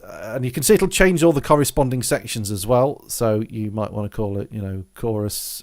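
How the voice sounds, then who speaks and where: A man with a lowish voice walks through music software and hardware in an informal way. He rambles and thinks aloud as he demonstrates. The sound is dry and close. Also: dry recording. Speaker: music gear tutorial presenter. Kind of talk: casual software and hardware walkthrough. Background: scratching noise from a dog in the background.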